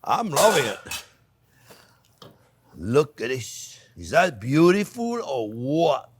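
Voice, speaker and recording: A chef hosting a cooking channel chats casually and playfully with viewers as if they were friends, exuberantly repeating his catchphrases during the demonstration. His medium-pitched voice swings widely in pitch at a slow pace, with background noise present.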